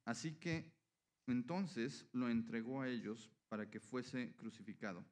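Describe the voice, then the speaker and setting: A man's voice: mid-range voice, unhurried, a little mellow. A man preaching a sermon, explaining scripture and often checking in with listeners. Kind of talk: sermon teaching.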